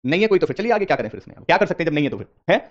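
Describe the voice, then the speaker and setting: A man runs a live reasoning class, talking fast and repeating each step to his students. His voice sits a little high, and his coaxing manner mixes English terms into his teaching. The audio is dull and lo-fi. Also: sing-song.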